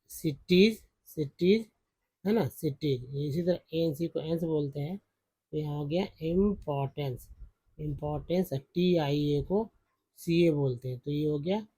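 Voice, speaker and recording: A man gives a spelling and pronunciation lesson, patient and repetitive as he goes over each sound. His voice sits a little high but has a mellow, soft tone. The recording is dry and close, with no room sound. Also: slightly rough, no room sound. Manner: patient, repeats each sound several times. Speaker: English teacher.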